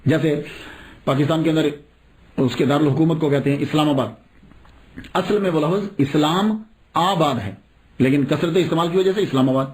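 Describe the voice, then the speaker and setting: A male preacher telling a religious story in a sermon, animated and asking rhetorical questions as he goes. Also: fairly high pitch, pauses often.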